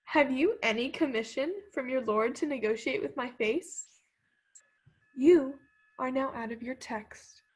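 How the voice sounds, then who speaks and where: Woman playing a haughty young countess, high voice, slow arch delivery. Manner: arch, teasing verse delivery. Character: proud young countess, cool and teasing. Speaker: actor. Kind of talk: Shakespearean stage acting.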